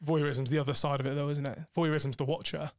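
A man's voice: fairly high pitch, level tone, fast, no echo, studio quality. A man co-hosting a podcast, joking cheekily and swearing freely in casual chat. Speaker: podcast co-host.

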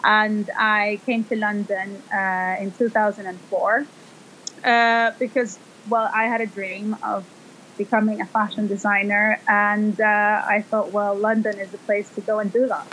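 A woman's voice: medium pitch, flat delivery, measured pace, fairly bright tone, slight background noise, low-quality recording. A woman from El Salvador in her thirties, a fashion designer guest speaking in a thoughtful, hesitant way with many fillers. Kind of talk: casual interview talk.

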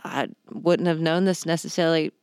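A woman's voice: low-pitched, brisk, a little mellow, clean tone, no echo, studio quality. An introspective woman reflecting in a faith discussion group, often repeating and correcting her words.

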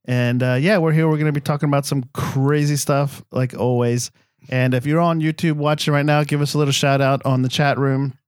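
A man's voice: medium pitch, fairly even intonation, brisk, smooth, dry recording, studio quality. A man hosting a casual podcast from his man cave, chatty and laughing often as he runs through the show's housekeeping. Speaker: podcast host.

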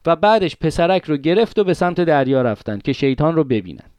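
A man's voice: fairly high pitch, big pitch swings, a little mellow, clean tone, no room sound. A man hosting a podcast, narrating a history story in a dramatic, conversational way, with asides to his listeners. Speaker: podcast host.

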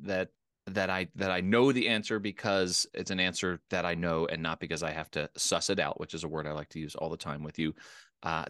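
A man's voice: low-pitched, fairly bright tone, no room sound, clean studio sound. A middle-aged American man from Philadelphia co-hosting a podcast, chatting casually in a wry, talkative way. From Philadelphia, United States. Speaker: podcast co-host.

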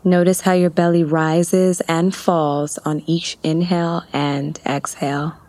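A woman leading a guided body-relaxation meditation, speaking in soft, soothing instructions with long pauses. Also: low voice, little pitch movement, dry recording.

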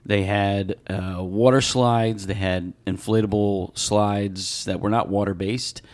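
A man's voice: fairly low pitch, fairly even intonation, slow pace, a little mellow. A man co-hosting a podcast, chatting casually and telling a long story full of details. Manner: rambling storyteller, piles on details. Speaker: podcast co-host. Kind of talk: casual chat.

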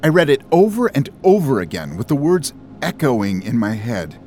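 A young man narrating a first-person story in a measured, introspective way. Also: medium pitch, sing-song, a little mellow. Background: music.

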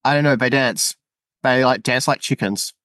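A man's voice: mid-range voice, normal speed, a bit bright, no echo. Casual male podcast panellist, dry sound. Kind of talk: casual chat about video games.

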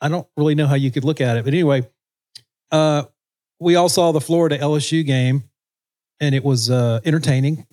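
A man's voice: on the high side, brisk, darkish tone. A man co-hosting a casual podcast, rambling loosely with hesitations. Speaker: podcast co-host, musician.

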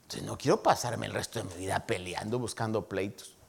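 An older man, a pastor, preaching a sermon with lively emphasis and acted-out quotes. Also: lowish voice, brisk, creaky, slightly rough. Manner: lively preaching, acting out quoted dialogue, rising to emphatic peaks.

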